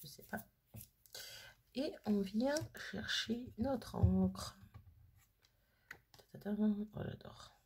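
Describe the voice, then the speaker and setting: A woman's voice: medium pitch, extremely slow, creaky, long pauses, darkish tone, a little hiss or hum. A woman hosting a casual crafting video who chats and thinks aloud with plenty of fillers. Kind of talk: casual crafting tutorial chat.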